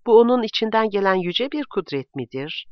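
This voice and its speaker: A man's voice: high voice, very animated, fairly quick, no echo, pitched above the performer's own voice. A man voicing an earnest young daughter. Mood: earnest wondering. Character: young woman, thoughtful daughter, earnest and sensitive. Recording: dull, dry recording.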